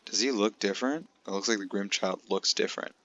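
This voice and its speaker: A young man commentating on his own gameplay for viewers in a loose, chatty way. His voice sits on the low side yet sounds bright and forceful. He gets excited easily and keeps turning to talk to his audience. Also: a little fast, highs cut off. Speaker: gaming commentator. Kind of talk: casual let's-play commentary.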